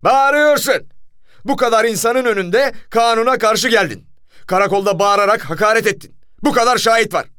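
A man voicing a gruff, burly, short-tempered male police commissioner who barks orders and shouts. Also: medium pitch, quick pace, no room sound, studio quality, natural voice. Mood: shouting.

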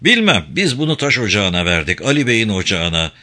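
A man voicing a gruff, scornful village man in a Turkish audiobook, loud and scolding. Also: lowish voice, very animated, a little fast.

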